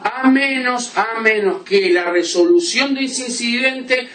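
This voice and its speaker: His pitch is extremely high and his tone fairly bright, yet he speaks unhurriedly. The male law lecturer teaches with examples, frequently tossing in "¿sí?", captured at a distance in a spacious classroom.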